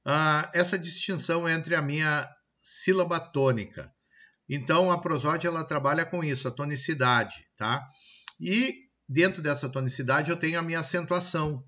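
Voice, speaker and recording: A man with a Brazilian Portuguese accent teaching a recorded grammar lesson, checking in with "tá?" and sounding out example words slowly. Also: on the high side, bright, forceful tone, highs cut off. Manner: explanatory, pausing with frequent "tá?" and "ok?" checks; slow, deliberate word-by-word example pronunciations.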